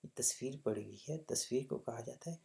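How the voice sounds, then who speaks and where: A man's voice: mid-range voice, fairly quick, gravelly, dark tone. A man teaching a language lesson. He explains the textbook patiently, often checks that students follow, and repeats example words for pronunciation. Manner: patient, checks understanding with repeated tag questions.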